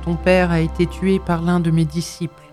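A man voicing a calm, wise old warrior mentor in a storybook reading, speaking low and gravely. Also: moderate pace, soft background music, close to an everyday voice.

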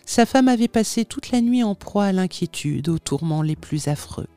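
An audiobook narrator giving dramatic, expressive readings of a literary tale. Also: mid-range voice, normal speed. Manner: expressive, theatrical storytelling.

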